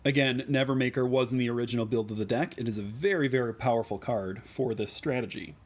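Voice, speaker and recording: A man's voice: medium pitch, fast talker. Midwestern man talking through card picks. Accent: Midwestern American. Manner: relaxed, many ums and uhs. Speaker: deck tech host. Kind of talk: card game deck explanation.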